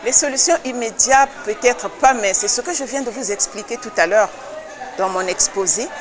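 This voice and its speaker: A woman from the Republic of the Congo, president of an association, answering interview questions earnestly and insistently, with hesitant pauses. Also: fairly high pitch, a crowd in the background.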